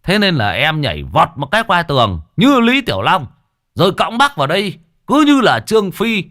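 A man's voice: lowish voice, very animated, normal speed, fairly bright tone, dry recording, clean studio sound. A man voicing a jovial village neighbor who stammers and brags. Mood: boastful. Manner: stammering, reassuring then bragging.

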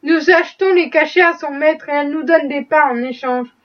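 A woman voicing a bitter, gruff old woman who talks in a surly, grumbling way. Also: moderate pace, close to an everyday voice. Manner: surly, grumbling, low muttering. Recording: dull, distant-sounding audiobook recording.

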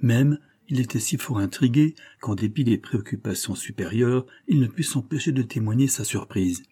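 A man's voice: medium pitch, moderate pace, warm tone, breathy edge. A man steadily narrating a classic novel as an audiobook reader.

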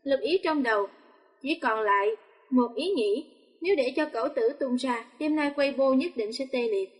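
A woman narrating a romance novel as an audiobook, reading in a steady, even way. Her voice sits high. A long reverb trails after each phrase. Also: normal speed.

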